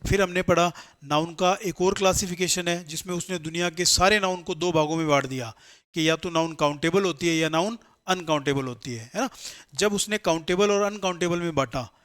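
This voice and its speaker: This competitive-exam English teacher speaks briskly, his voice pitched a little high and slightly bright, during a classroom grammar lecture. Working through every rule step by step, he asks the class questions and supplies the answers himself, blending Hindi with English terminology.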